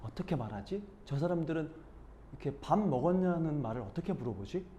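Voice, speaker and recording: A man's voice: on the high side, a little fast, highs cut off, a little hiss or hum. A man from teaching a speech lesson, telling his own story and acting out quoted lines in different voices. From Busan, South Korea. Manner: animated, acts out quoted dialogue in voices. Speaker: speech coach. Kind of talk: talking-head lesson, storytelling.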